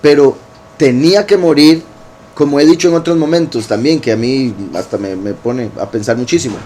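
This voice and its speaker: A man teaching scripture in a relaxed, conversational way, often checking in with listeners and rephrasing as he goes. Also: medium pitch, normal speed, slight background noise. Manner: informal, rephrases as he goes, asks "¿verdad?" often. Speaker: teacher of a congregation.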